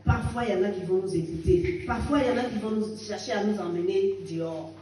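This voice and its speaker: Picked up from a distance in a reverberant church hall, a fifty-something woman offers fervent testimony and exhortation, punctuated by emphatic rising bursts. She speaks fairly quickly in a medium-pitched, dark voice, with slight background noise.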